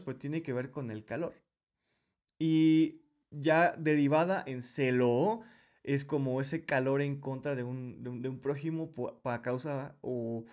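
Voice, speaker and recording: A man teaching a Bible study, explaining step by step and addressing the listener directly. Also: on the high side. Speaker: Bible teacher, podcast host.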